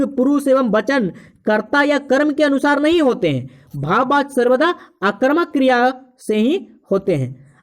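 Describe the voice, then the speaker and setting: A man's voice: very high-pitched, a bit bright. Male teacher walking through grammar. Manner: explains step by step with examples, checks in with "okay". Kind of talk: exam-prep grammar lesson.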